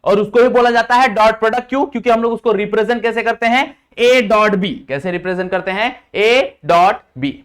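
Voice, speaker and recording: A man's voice: sits high, a bit bright, clean tone. A young man teaching a physics lesson in Hindi with English terms, repeating each point and quizzing his students. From India. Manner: slows sharply on English formula lines. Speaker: physics tutor. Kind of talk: classroom lecture mixing Hindi and English.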